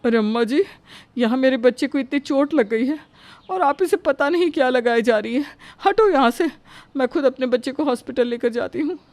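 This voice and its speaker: A woman's voice: sits high, normal speed, darkish tone. A woman voicing an angry young mother who protects her hurt child in a storybook cartoon.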